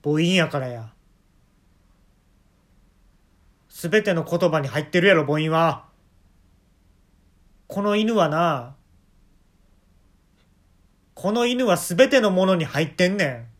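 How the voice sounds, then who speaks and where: A man's voice: on the high side, expressive, a little slow, pauses often. A man with a Kansai accent voicing an odd girlfriend who scolds and insists about her pet dog. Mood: heated, insistent.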